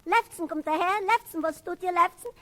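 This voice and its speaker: A woman's voice: extremely high pitch, a little fast, pitched above the performer's own voice. A woman stage performer playing a cheeky, plaintive orphan boy in a Yiddish stage monologue with sung refrains, from a 1978 concert record. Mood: whining. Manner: lively storytelling with sung refrains.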